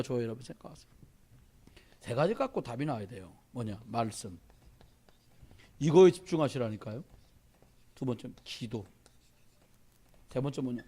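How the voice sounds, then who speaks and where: A pastor preaches at a Wednesday church service in a high, husky voice that swoops across a wide range. He presses his congregation with loud, urging lines, then sinks into low, quiet asides and acts out the voices of church members.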